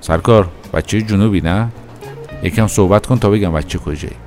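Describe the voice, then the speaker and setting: A man puts on a pushy, overfamiliar middle-aged big talker with a low, deep voice. He brags and rolls on without waiting for an answer, over faint music. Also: a little mellow. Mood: boastful. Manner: brash, overfamiliar, talks over others.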